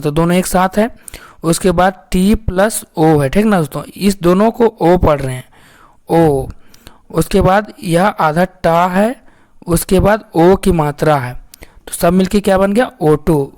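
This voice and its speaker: A man gives a pronunciation lesson, breaking English words into single letters and sounds. He talks slowly and patiently and says the same thing more than once. He keeps turning to his viewers and calling them friends. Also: sits high, a little mellow. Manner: slow, repetitive, keeps addressing viewers as friends.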